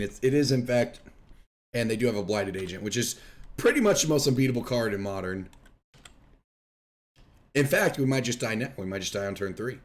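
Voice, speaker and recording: Casually commentating a card game as host, this young man is losing his voice to illness, so it sounds worn and hoarse. His pitch is ordinary and mid-range, and his manner remains relaxed, talkative and self-deprecating throughout.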